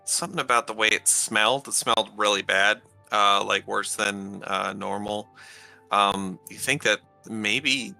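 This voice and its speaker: Man, game master, slow halting narration, low-pitched, gravelly. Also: bright, forceful tone. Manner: halting, full of fillers and restarts.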